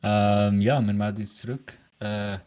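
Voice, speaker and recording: A man's voice: lowish voice, little pitch movement, unhurried, a little mellow, clean tone. Swiss German teenage guy talking with braces. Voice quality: talking with new braces, slightly hampered articulation. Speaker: podcast host. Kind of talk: casual podcast chat.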